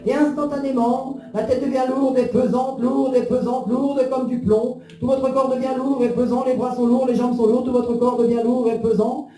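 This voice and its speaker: A man's voice: very high-pitched, little pitch movement, normal speed, hardly any pauses, warm tone. A man leading a guided hypnosis session in a soothing, repetitive, suggestive manner. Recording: roomy echo under music.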